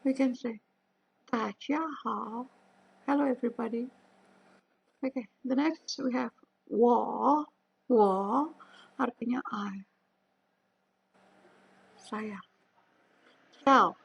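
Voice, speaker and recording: A woman teaching a beginner language lesson, speaking slowly and patiently and drawing out example syllables. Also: fairly high pitch, gravelly, breathy edge, dull audio. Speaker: Mandarin teacher.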